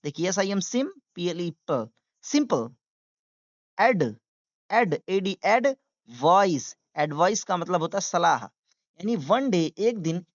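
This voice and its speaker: A man's voice: high voice, expressive, slow pace, no room sound, muffled recording. A man teaching beginners to read, spelling each word letter by letter and translating it with patient, repetitive drilling. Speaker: English reading teacher. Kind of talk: beginner reading lesson.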